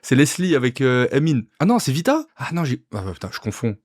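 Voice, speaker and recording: A man's voice: medium pitch, big pitch swings, brisk, darkish tone. A man hosting a casual music reaction, talking frankly with many fillers and stammered restarts, and joking as he goes.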